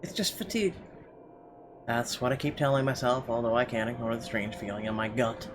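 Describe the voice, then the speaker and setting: A man hosting a gaming video reads visual novel narration aloud and drops in conversational asides. His mid-range voice moves fairly quickly, with background noise and game music playing beneath it.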